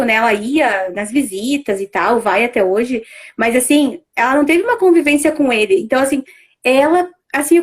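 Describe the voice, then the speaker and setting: High-voiced woman, chatty. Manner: conversational, many fillers and restarts. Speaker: family constellation facilitator. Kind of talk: casual live-stream talk.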